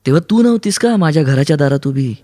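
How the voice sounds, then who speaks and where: A man's voice: a little high, expressive, fast, mellow, big-room sound, voice pushed up, close to an everyday voice. A man reading aloud, voicing an earnest young man who speaks emphatically in an audiobook.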